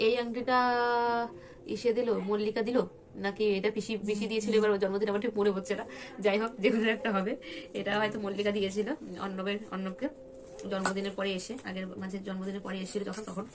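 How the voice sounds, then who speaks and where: A woman's voice: mid-range voice, little pitch movement, a little fast, long pauses, noisy background. A young woman from West Bengal chatting casually at home in a vlog, rambling with many fillers and restarts. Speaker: vlogger.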